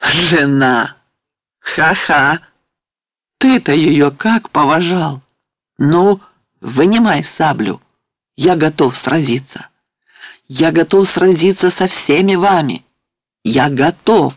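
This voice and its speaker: A male reader playing a delirious young warrior who shouts in hoarse, broken outbursts. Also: on the high side, expressive, slow pace, dry recording, highs cut off, full character voice. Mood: raving, defiant. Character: delirious young man, feverish warrior raving.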